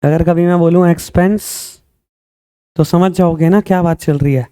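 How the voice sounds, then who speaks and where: A man teaching accounting in a smooth, dark, slightly higher voice. He keeps firing quick questions at his students and slows down to stress English definitions. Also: steady tone. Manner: calls students "beta", quizzes them with quick questions; mixes Hindi with English terms, slow stressed definitions. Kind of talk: classroom lecture.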